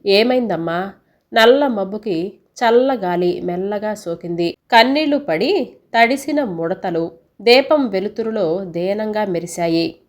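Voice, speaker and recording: A woman narrating a story with a calm, measured delivery. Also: mid-range voice.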